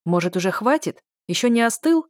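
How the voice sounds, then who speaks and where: A woman's voice: a little high, animated, fairly quick, dry recording, studio quality, pitched above the performer's own voice, lightly acted. Teasing easygoing young prince, read by a woman.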